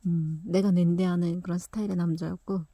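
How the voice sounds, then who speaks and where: A woman's voice: lowish voice, little pitch movement, fairly quick, dark tone, husky, no echo, studio quality. A young woman telling a personal story in a chatty way, laughing often and dropping into whispered asides.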